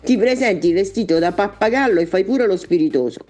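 Mary, a woman voicing a sharp-tongued young woman. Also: mid-range voice, animated, fairly quick, faint music behind, pitched above the performer's own voice, close to an everyday voice. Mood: sardonic. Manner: sarcastic, brusque.

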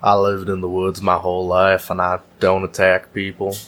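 A man voicing a calm, matter-of-fact shapeshifting woodsman in a tabletop game. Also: sits low, normal speed, pitched below the performer's own voice. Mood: flat, defensive. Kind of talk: in-character tabletop roleplay.

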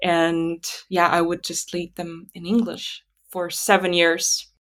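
A woman whose native language is Russian speaks in a slightly low voice. She tells stories about herself conversationally, pausing and thinking aloud as she goes. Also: completely flat delivery, fairly bright tone. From Kazakhstan. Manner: halting, reflective, thinking aloud. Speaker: interview guest. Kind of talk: conversational personal storytelling.

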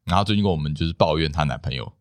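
A man with a very deep, lively voice who talks fast and keeps teasing his friends with questions. The recording is close and dry. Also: no echo. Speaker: podcast co-host. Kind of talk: casual chat.

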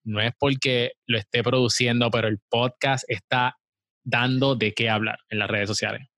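A man's voice: medium pitch, fairly even intonation, moderate pace, bright, forceful tone, no room sound. Chatty guy hosting his podcast, upbeat, dry close sound. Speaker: podcast host and producer. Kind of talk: casual podcast interview.

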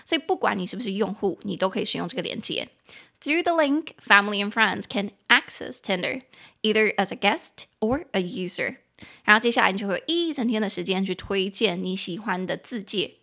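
A young woman with a Taiwanese Mandarin accent hosts a casual bilingual English lesson podcast. She chats, then slows down to spell out and repeat words. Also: mid-range voice, animated, gravelly, bright, forceful tone. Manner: chatty, spells out words slowly and repeats them. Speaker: podcast host teaching English.

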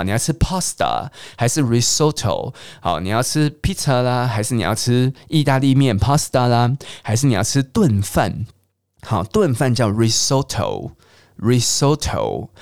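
A middle-aged man from Taiwan, teaching English in a chatty, lively way and mixing English words into his Mandarin. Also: medium pitch, no room sound, studio quality. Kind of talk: casual teaching monologue.

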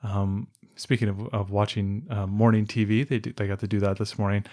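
Rambling low-voiced male podcast co-host. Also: flat delivery, fairly quick, a little mellow. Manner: rambling, many restarts and fillers. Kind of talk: casual chat.

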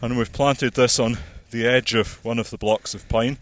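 Farmer explaining while walking outdoors. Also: male voice, medium pitch, steady tone. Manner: measured, explanatory, practical. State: slightly out of breath. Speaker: farmer and landowner. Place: outdoors on a hillside plantation.

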